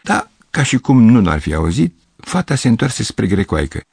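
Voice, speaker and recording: A man reading a literary story aloud as narrator, in a measured, expressive manner. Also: fairly low pitch, creaky, breathy edge, no echo, clean studio sound.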